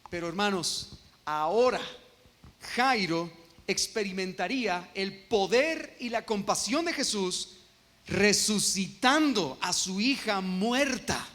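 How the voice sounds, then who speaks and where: A man with a Guatemalan Spanish accent preaching an expository sermon as pastor, emphatic and slowing down on key phrases. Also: very high-pitched, bright, forceful tone. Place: church sanctuary. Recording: long reverb of a church hall.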